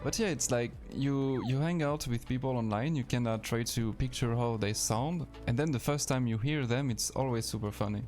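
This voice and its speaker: A man's voice: mid-range voice, normal speed, hardly any pauses, darkish tone, soft background music. A man with a French accent, a native French speaker, chatting casually on a live stream while playing a game and answering his chat.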